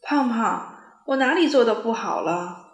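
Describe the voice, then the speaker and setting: A gentle little duckling nurse from a children's storybook, soft-spoken and quick to feel hurt, voiced by a woman reading aloud. An echoey room surrounds the voice. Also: fairly high pitch, lively intonation.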